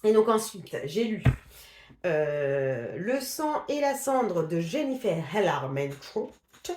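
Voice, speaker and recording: A woman's voice: fairly low pitch, very animated, takes it slowly, a little mellow, roomy sound. A woman casually reviewing the books she has read, talking in a chatty, hesitant way with many fillers, restarts and laughs. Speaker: book vlogger. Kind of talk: casual book review chat.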